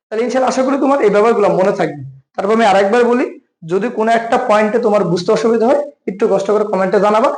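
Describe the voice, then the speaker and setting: A man's voice: sits high, darkish tone, echoey room, low-quality recording. A man with a Bangladeshi Bengali accent teaching an exam-prep chemistry lesson, quizzing the listener with questions and then answering them himself, and calling the viewer brother. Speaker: chemistry tutor.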